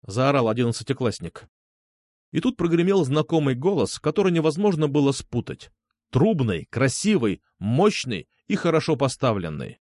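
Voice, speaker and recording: A man narrating a story in the first person with a lively, expressive delivery. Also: mid-range voice, normal speed, dry recording, studio quality. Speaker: audiobook narrator.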